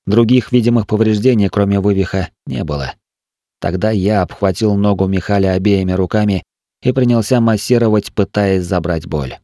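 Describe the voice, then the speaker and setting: A man reading a first-person adventure story aloud in a steady, measured way. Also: lowish voice, dry recording, studio quality. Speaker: narrator. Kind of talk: scripted first-person audiobook narration.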